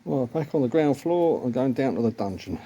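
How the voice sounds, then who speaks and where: A man's voice: medium pitch, lively intonation, fairly quick, warm tone, dry recording, muffled recording. A man giving casual, matter-of-fact, off-the-cuff sightseeing narration, recorded on a phone out on location. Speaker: holiday vlogger. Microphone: handheld phone. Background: clear ambient noise, sometimes rain.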